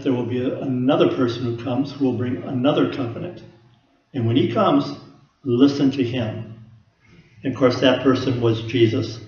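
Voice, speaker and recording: A man delivering a sermon in a relaxed, conversational teaching manner, explaining scripture through everyday examples. His mid-pitched voice carries through a roomy space with some echo. The sound is slightly dull and muffled. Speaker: pastor.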